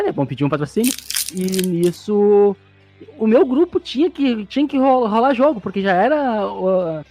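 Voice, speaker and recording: A man chatting casually on a podcast, telling quick self-mocking anecdotes about his tabletop gaming group. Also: high voice, darkish tone. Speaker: podcast participant. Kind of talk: casual chat.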